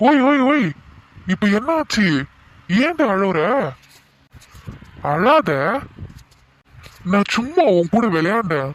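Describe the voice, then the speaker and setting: A man voicing a playful young husband in an animated cartoon, teasing and coaxing his wife. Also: sits high, slow pace, long pauses, exaggerated voice.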